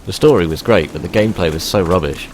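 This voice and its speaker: A man's voice: deep voice, fast, darkish tone, slight background noise. A man giving casual let's play commentary in a rambling, wry way, often breaking off and restarting. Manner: rambling, self-interrupting and wry.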